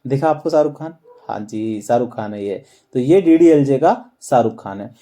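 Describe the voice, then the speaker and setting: A man's voice: mid-range voice, lively intonation, normal speed, warm tone. A man teaching a map lesson, quizzing listeners with repeated questions and then answering them himself. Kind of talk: explaining a map lesson with memory tricks.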